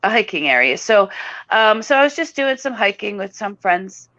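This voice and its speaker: A woman co-hosting a talk show, telling a story in a halting way with many fillers and restarts. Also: medium pitch, very animated, pushed and bright, no echo, lo-fi sound. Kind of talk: casual talk show chat.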